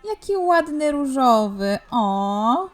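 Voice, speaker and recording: Young woman, high-ish voice, unhurried chatty game commentary, orders her characters around. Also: very animated. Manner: chatty, bossing the characters around, frequent laughs. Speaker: gaming YouTuber. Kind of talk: casual let's-play commentary.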